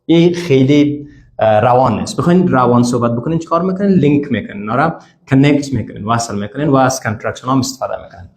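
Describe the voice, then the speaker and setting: A man's voice: medium pitch, darkish tone, reverberant. A man teaching English to a class, explaining step by step and repeating each example phrase several times. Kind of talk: classroom language lesson.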